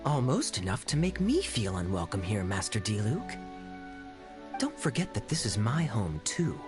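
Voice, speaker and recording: An actor voicing a sly, charming male knight in a game who teases with smooth, wry words. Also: fairly low pitch, huge pitch swings, moderate pace, music in the background. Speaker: game character. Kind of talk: game voice acting.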